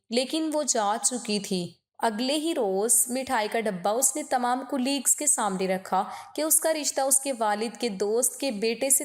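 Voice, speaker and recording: A woman telling an emotional first-person story in an earnest, scripted reading. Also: fairly high pitch.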